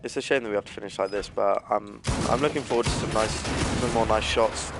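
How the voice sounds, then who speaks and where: A man's voice: lowish voice, quick pace, creaky, very noisy. A man giving casual, analytical live commentary on a competitive shooter match. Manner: casual, analytical, filler-heavy. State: has the hiccups. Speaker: esports caster.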